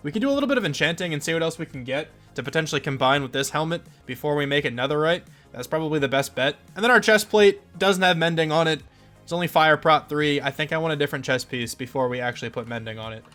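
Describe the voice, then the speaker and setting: A man's voice: on the high side, fast, a bit bright, faint music behind. Congested young man narrating gameplay. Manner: chatty, rambling, lots of fillers. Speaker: gaming channel host. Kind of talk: casual let's play commentary.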